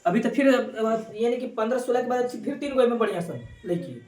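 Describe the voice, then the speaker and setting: A woman with a fairly high voice teaches a classroom maths lesson. She repeats each key term and keeps quizzing her students. She is recorded from a distance in a roomy, echoing classroom with faint background noise. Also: expressive, brisk, darkish tone.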